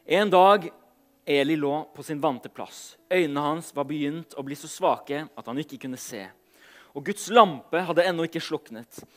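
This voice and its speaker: A man preaching a sermon, reading scripture aloud and then talking casually with some hesitation, letting his phrase endings trail off softly. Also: on the high side.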